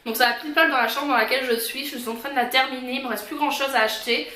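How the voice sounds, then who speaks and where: A woman with a high, bright voice talks casually through items she is showing, like a vlogger. Her articulation is slightly impeded, as from a fresh tongue piercing. The room is clearly echoey, with faint noise underneath. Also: steady tone, rapid-fire. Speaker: vlogger presenting a shopping haul. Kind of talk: casual chatty product show-and-tell. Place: indoors, in a bedroom.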